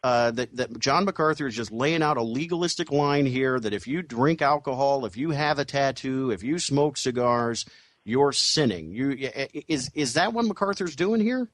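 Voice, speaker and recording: Male radio host, around fifty, mid-pitched, dry studio sound, probing questions with halting restarts. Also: expressive, no echo. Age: 50s. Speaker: radio talk show host. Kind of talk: radio interview.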